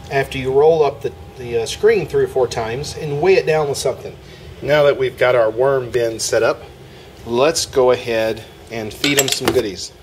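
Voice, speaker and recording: A man with a mid-range voice hosts a homestead video, working through a hands-on demonstration outdoors in a yard. He talks casually and folksily through each step, and the audio has a little hiss or hum.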